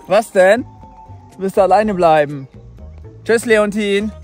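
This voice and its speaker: A young man vlogging from a boat on cold water, loud and exclaiming to his viewers, freezing and shivering. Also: sits high, takes it slowly, soft background music. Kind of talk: excited outdoor challenge vlog.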